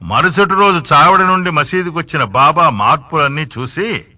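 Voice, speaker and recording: A man narrating a devotional story in a steady storytelling voice. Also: a little high, normal speed, no echo, clean studio sound. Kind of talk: scripted narration.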